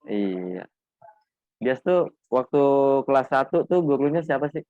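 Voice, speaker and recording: A man's voice: medium pitch, sing-song, unhurried, darkish tone, no room sound. Guy asking chatty questions, lots of "ya?" tags, sounds like a thin phone call, dry. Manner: chatty, prompting with many tag questions. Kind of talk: casual interview on a remote call.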